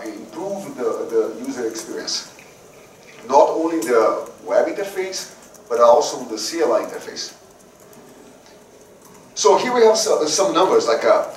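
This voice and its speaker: A man from Brazil, giving a technical conference talk in a halting way, often repeating words before going on. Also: mid-range voice. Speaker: conference speaker. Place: conference room. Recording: roomy hall, voice from a distance, faint noise.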